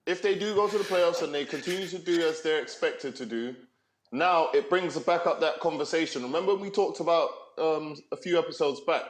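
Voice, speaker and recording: A man's voice: on the high side, fairly quick, reverberant. A man on a sports talk show making his case loosely, trailing off and restarting as he tells it. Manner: loose, many fillers and restarts, storytelling. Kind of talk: casual basketball chat.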